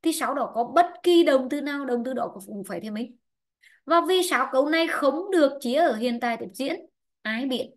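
A woman's voice: high voice, animated, moderate pace. A woman English teacher running an online class, quizzing students by name and explaining grammar rules patiently.

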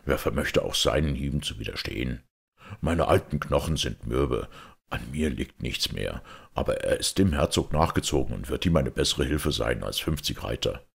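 A worn old knight speaking quietly and with feeling, his voice deep, gravelly and husky. A man puts him on while reading an audiobook. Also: animated, moderate pace, full character voice. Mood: tender. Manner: low, soft-spoken, moved. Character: aged grieving knight, tender and weary.

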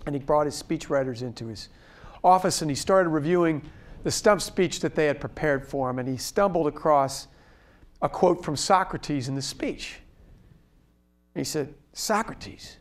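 Higher-voiced man telling a story. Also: normal speed. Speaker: presidential library director. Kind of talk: panel discussion storytelling.

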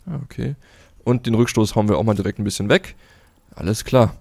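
A man's voice: on the low side, fairly quick, creaky, a little mellow, no echo. A man giving casual, colloquial gameplay commentary as a let's player, with muttered reactions.

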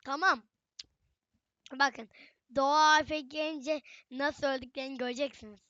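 A woman's voice: sits high, fairly even intonation, normal speed, pushed and bright, no room sound, dull audio. A young woman giving casual, chatty gameplay commentary, often exclaiming and talking straight to her viewers. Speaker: gaming channel host.

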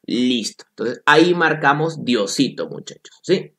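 A man's voice: medium pitch, expressive, unhurried, creaky, a bit bright. A man teaching an exam-prep biology class in Peruvian Spanish, playful and repeating key points while calling on students.

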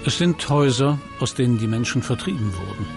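A man's voice: mid-range voice, animated, brisk, gravelly. A man reading scripted documentary narration as the narrator of a history film. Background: music.

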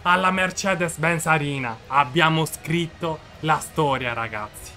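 A man giving excited live commentary on his own football video game match, shouting and repeating himself in disbelief. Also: a little high, measured pace. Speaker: gaming video creator.

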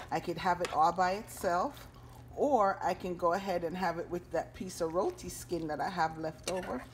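Cooking at her stove, a woman with a fairly low voice talks to her viewers in a folksy, easygoing way for her home cooking video. The handheld phone camera catches background noise.

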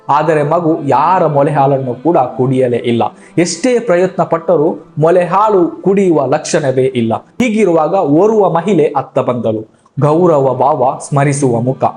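A man narrating a religious story from a script in a measured, solemn way. His voice sits fairly high for a man. Soft music plays under the narration.

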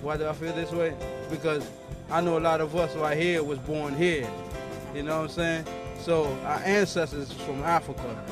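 A man answering interview questions in a relaxed, conversational way, repeating "you know what I'm saying". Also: fairly high pitch, moderate pace, over music. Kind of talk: casual street interview.

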